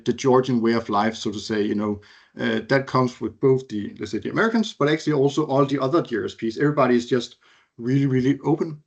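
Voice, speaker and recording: A Danish man in his thirties reminisces casually as an alumni speaker on a video call, hesitating with lots of fillers and restarts. His medium-pitched voice is creaky and darkish, and the call audio is muffled.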